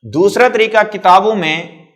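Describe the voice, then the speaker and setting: A middle-aged man lectures a physics class in a high-pitched, unhurried, fairly bright voice. He poses questions to the students, answers them himself, and draws out the important terms.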